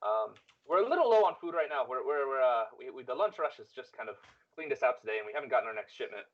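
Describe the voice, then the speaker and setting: A flustered tavern keeper in a tabletop game, as a man puts him on, stumbling over his words with plenty of pauses. His voice sits at a middling pitch. The recording sounds dull and lo-fi. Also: animated, natural voice. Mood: apologetic. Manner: halting, full of hesitations.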